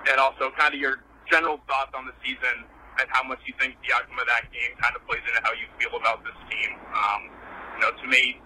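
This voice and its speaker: Male caller on a clipped phone voicemail, bright and tense, halting delivery. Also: mid-range voice, a little hiss or hum, poor audio. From Boston, Massachusetts. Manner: halting, with frequent "um" pauses. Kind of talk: casual voicemail message. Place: in his car, driving.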